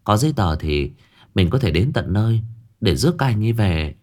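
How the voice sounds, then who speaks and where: A man voicing a modest, calm woman spirit medium who speaks softly and politely, in an audiobook ghost story. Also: lowish voice, a little fast. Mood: gentle. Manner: soft-spoken, gently polite.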